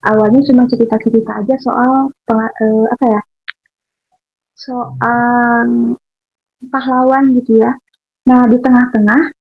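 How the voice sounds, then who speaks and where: A young woman, a university student, giving casual public speaking tips in a chatty way, with frequent fillers. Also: high voice. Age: young adult. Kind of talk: casual instructional talk. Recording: tinny phone-like sound with faint music.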